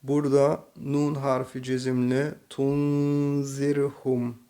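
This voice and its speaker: A man with a Turkish accent teaching slow Quran reading, patiently explaining each letter and then reciting the words slowly and drawn out. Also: mid-range voice, fairly even intonation, gravelly, darkish tone. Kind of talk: slow tajweed reading lesson.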